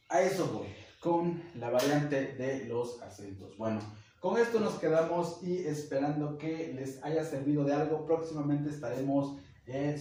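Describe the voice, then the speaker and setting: A young man with a Mexican Spanish accent, a native Nahuatl speaker, giving a casual language lesson and slowly repeating words for learners. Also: mid-range voice, mellow, slight background noise. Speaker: language teacher. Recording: echoey room, heard from a distance.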